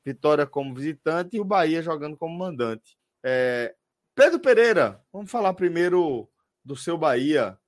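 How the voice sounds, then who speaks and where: A man's voice: on the high side, animated, normal speed. A man casually hosting a live sports show in informal, slangy speech. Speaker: host.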